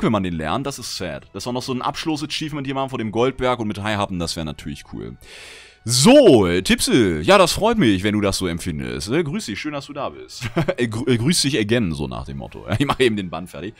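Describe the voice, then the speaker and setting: German man, livestream gamer, chatty, lively voice that leaps up in excitement, answers chat. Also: medium pitch. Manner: chatty, swings from grumbling to excited shouting; reads out chat messages and answers viewers. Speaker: streamer. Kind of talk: casual livestream gameplay chat.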